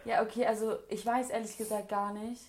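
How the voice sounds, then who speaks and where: A woman's voice: on the high side, a little fast. A young woman in casual chat, telling a story with lots of acted-out quotes and laughter. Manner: animated storyteller, acts out quotes, laughs often.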